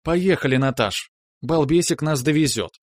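A man's voice: a little high, normal speed, no echo, studio quality, voice pushed up, lightly acted. A man reading an audiobook, raising his voice to play a playful, bossy young wife who is a student. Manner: playful, mock-stern, decisive.

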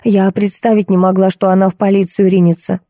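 A woman voicing a timid, fretful young woman, darkly mellow. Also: medium pitch, little pitch movement, fairly quick, dry recording, clean studio sound, close to an everyday voice. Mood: agitated. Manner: fretful, pleading. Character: timid anxious young woman, people-pleaser. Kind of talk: audiobook character voice.

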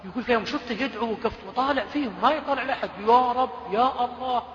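A man with a very high voice races through a sermon, emotionally retelling stories and quoting people as he goes. Crowd noise is audible, and the recording is echoey, as if in a hall, with dull lo-fi sound.

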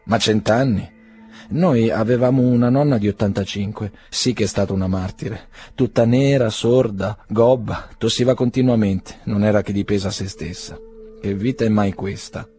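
A man voicing a shy, gentle young peasant woman in a storybook reading. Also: lowish voice, normal speed, soft background music, close to an everyday voice.

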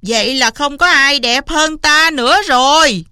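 A woman voicing a vain, jealous queen who shouts in haughty rage in a storybook reading. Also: high voice, measured pace, no echo, studio quality, pitched above the performer's own voice. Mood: gloating. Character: vain, jealous adult queen, furious and proud.

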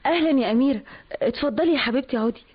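A sweet young Egyptian bride. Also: female voice, high-pitched, rapid-fire, breathy edge. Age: young adult. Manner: bright, coaxing, playful. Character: young new bride, sweet and eager to please. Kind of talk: Egyptian radio drama. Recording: lo-fi radio recording with music.

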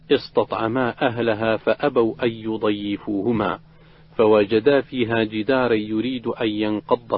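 Low-voiced man reciting religious texts, lo-fi. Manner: steady measured reading, quoted dialogue read without acting. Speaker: reader of a hadith collection. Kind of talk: recited religious text reading. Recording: dull lo-fi recording.

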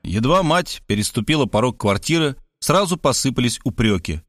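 A man reading a first-person audiobook with a wry, expressive delivery. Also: mid-range voice, normal speed, dry recording, clean studio sound. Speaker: audiobook narrator.

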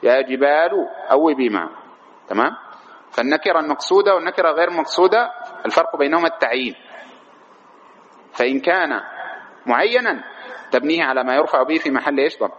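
A man's voice: fairly high pitch, animated, fast, pauses often, a bit bright, muffled recording, slight background noise. A man teaching a grammar lesson to a class, explaining patiently, questioning the students and drawing out example words as he repeats them. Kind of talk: classroom lecture on Arabic grammar.

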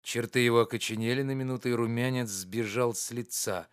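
A man reading a classic novel aloud as audiobook narrator, in an expressive, theatrical manner. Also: mid-range voice, fairly quick, clear, resonant tone. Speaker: audiobook reader. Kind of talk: literary narration.

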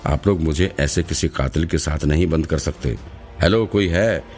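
A man voicing a frightened male writer locked in a cell with a killer, shouting in a shaky voice. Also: extremely low pitch, moderate pace, soft background music. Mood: panicked. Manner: shouting, trembling voice.

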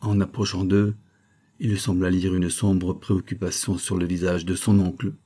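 A man reading a classic novel aloud as an audiobook narrator, in a measured, steady way. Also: deep voice, husky.

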